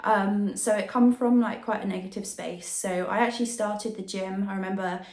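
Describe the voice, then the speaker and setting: A woman's voice: medium pitch, steady tone, moderate pace, a little mellow. A young woman chatting casually to camera as a vlogger, her voice affected by a sore throat from tonsillitis. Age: young adult. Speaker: YouTube vlogger and fitness coach. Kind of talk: casual talk to camera, introduction and Q&A. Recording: roomy indoor echo.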